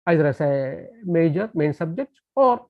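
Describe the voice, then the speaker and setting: Over a landline call, a Tamil-speaking guest lecturer delivers an online lecture, frequently restarting sentences and leaning on fillers. His fairly high voice is animated and moves at a normal speed, and the phone audio is dull and dry with no echo.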